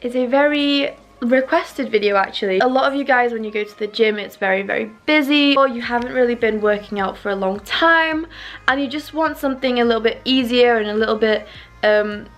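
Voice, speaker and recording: A woman's voice: on the high side, fairly quick, a bit bright. A young woman talking casually and chattily like a fitness vlogger, rambling a little and repeating words for emphasis. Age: young adult. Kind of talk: casual chatty vlog and workout voiceover.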